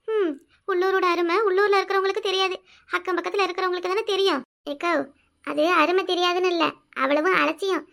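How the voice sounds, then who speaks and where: Brief: woman voicing a quick-tempered village woman for a cartoon, Kanyakumari Tamil accent, very high and bright. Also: vocal fry, full character voice. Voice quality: shrill, scolding.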